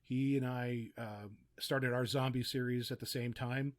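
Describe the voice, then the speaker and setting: Talking casually as a podcast guest, this man gives practical tips on audio production, drifting into chatty asides along the way. He speaks at a measured pace in a steady, medium-pitched voice.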